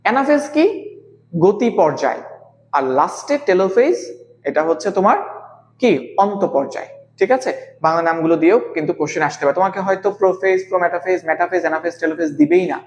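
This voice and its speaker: A man teaching a live online biology class, speaking slowly and deliberately, repeating key terms and quizzing his students. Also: sits high, expressive.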